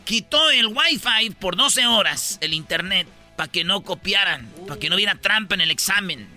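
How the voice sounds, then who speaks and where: A high-pitched Mexican man hosts a comedy radio show in a very bright voice. He jumps all over his range as he rambles through funny stories and trips over his own words. Faint music sits behind him. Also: animated, moderate pace. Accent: Mexican Spanish. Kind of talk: joking radio banter.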